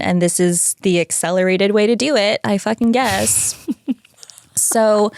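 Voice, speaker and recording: Podcast lady, slow gravelly voice, super casual, swears a lot. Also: lowish voice, no echo, clean studio sound. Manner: laid-back, swears and laughs often. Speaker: podcast co-host. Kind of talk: casual chat.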